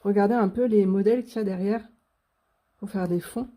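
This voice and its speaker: A woman's voice: mid-range voice, fairly even intonation, a little fast, mellow. A young woman hosting a casual unboxing video, chatty and gushing with frequent fillers. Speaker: coloring channel host.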